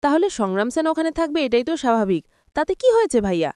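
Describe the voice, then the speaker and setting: A woman's voice: sits high, sing-song, quick pace, darkish tone, dry recording, studio quality. A woman voicing a curious, concerned young woman in a storybook retelling of a TV serial, full of questions.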